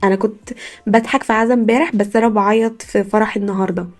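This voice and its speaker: Fast-talking young Egyptian woman. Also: mid-range voice. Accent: Egyptian Arabic. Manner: animated, rapid storytelling with frequent laughs. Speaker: podcast host. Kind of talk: casual comic monologue.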